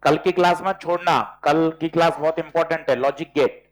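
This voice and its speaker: Man, physics teacher, classroom lecture, brisk, coaxing, quizzing students, fairly high voice. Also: steady tone, poor audio. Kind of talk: classroom lecture with problem solving.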